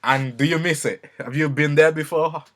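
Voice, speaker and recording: A man's voice: on the high side, fairly even intonation, moderate pace, fairly bright tone. A man hosting an interview, talking casually and rambling with lots of "like" and "you know". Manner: rambling, many likes and fillers.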